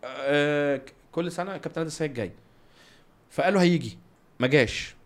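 With a brisk pace and a voice on the high side, an Egyptian Arabic-accented footballer recounts anecdotes in an animated interview. He acts out dialogue and sound effects along the way.

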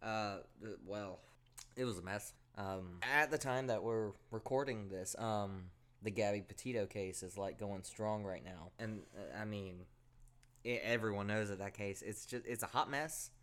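Man, late twenties, low voice, rambling casual podcast chat, swears, self-deprecating. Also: measured pace, fairly bright tone. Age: 20s. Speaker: podcast co-host.

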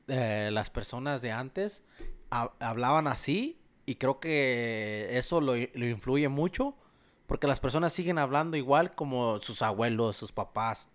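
Joking Mexican man in casual chat. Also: medium pitch. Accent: Mexican Spanish. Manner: loose and joking, many fillers and restarts.

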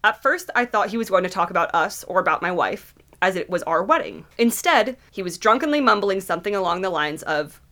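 Lively woman reading a story aloud. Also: mid-range voice, a little fast, few pauses. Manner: animated storytelling with lively asides. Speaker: podcast co-host.

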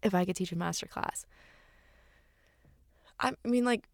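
A woman's voice: medium pitch, measured pace, no room sound. Woman podcast co-host, dry inside a closet. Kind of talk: casual, bantering chat. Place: walk-in closet in a small apartment.

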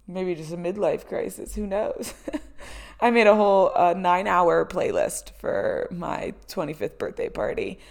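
A young woman in her twenties, hosting a relaxed solo chat. Her fairly low voice has a gravelly fry, and her talk is loose and chatty, full of "um" and "like". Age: 20s. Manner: chatty, lots of "um" and "like", laughs often. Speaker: podcast host.

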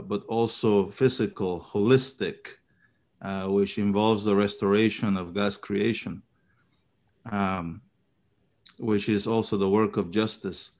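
Speaking English with Spanish as his first language, this man in his fifties, a seminary professor who grew up in Chile and Panama, shares an earnest reflection with a church gathering. His voice is on the low side, and he frequently pauses on filler sounds.

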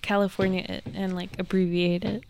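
A woman's voice: mid-range voice, level tone, creaky, a little mellow, slight background noise. A woman co-hosting a history podcast, chatting in a playful, giggly way. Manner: playful, giggly, quick reactions. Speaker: podcast co-host. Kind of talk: casual chat.

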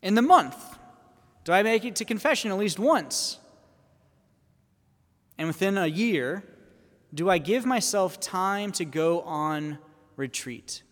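Slow-preaching priest at a pulpit microphone. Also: male voice, high voice, lively intonation, a bit bright. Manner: measured preaching, posing questions to the congregation. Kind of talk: Sunday homily. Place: church. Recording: long church reverb.

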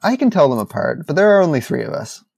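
A man's voice: fairly high pitch, big pitch swings, quick pace, creaky, darkish tone, breathy edge, no echo. A man co-hosting a casual podcast, wry and dry-witted. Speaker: podcast co-host. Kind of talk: casual chat.

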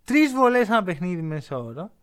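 A man co-hosting a podcast, chatting casually and with strong opinions about basketball, telling lively stories. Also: high-pitched. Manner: animated, opinionated, lively storytelling. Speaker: podcast co-host.

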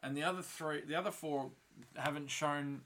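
Bright-voiced man, chatty and full of fillers. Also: a little high, normal speed, a little hiss or hum. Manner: full of filler words like "like", "um" and "you know"; animated, slangy and sweary. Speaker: co-host of a fan discussion show. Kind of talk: casual chat recapping a fantasy TV series.

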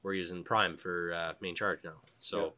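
A man in casual conversation telling a survival story, profane and animated, often acting out his own thoughts. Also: sits low, moderate pace.

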